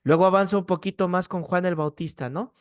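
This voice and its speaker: Male Bible teacher, Mexican Spanish accent, animated classroom lecturer who keeps checking in with his students, raised pitch. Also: brisk, clean tone, no room sound, studio quality. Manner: lively storyteller, rhetorical "¿no?" tags.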